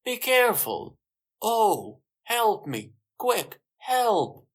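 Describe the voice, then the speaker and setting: A narrator voicing Sue, a calm young policewoman, in a clear, slightly raised voice. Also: mid-range voice, slow. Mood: alarmed. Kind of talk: graded-reader story voice.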